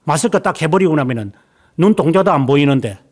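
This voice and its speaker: A middle-aged male pastor delivers a sermon in a high voice that rises and falls across a wide, animated range. He presses his listeners with rhetorical questions, then drops to a hushed near-whisper before rising again. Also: fast talker. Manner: emphatic, fires rhetorical questions at the congregation.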